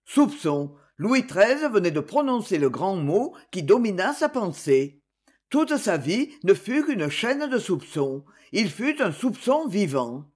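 A woman reading a classic novel aloud as an audiobook narrator, measured and expressive. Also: medium pitch, slightly rough. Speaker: audiobook reader.

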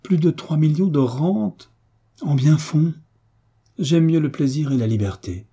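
A man's voice: on the high side, animated, measured pace, dark tone, husky, pitched above the performer's own voice, full character voice. A man voicing an outraged old duchess. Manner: exclamatory, pleading, indignant. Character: anxious scheming aristocratic mother, a duchess.

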